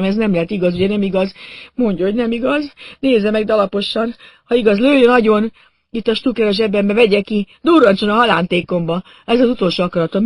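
A man voicing a panicked, wounded man who shouts and rants indignantly in an audiobook. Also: very high-pitched, no echo, voice pushed up. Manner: shouting, frantic, outraged.

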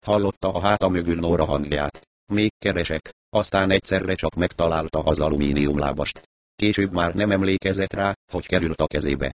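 A man narrating a story as an audiobook reader, in a measured, even manner. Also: deep voice, no room sound. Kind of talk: audiobook reading.

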